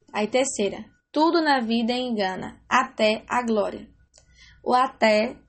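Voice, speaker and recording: A woman teaching a Portuguese grammar lesson, explaining step by step and checking in with her students. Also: fairly high pitch.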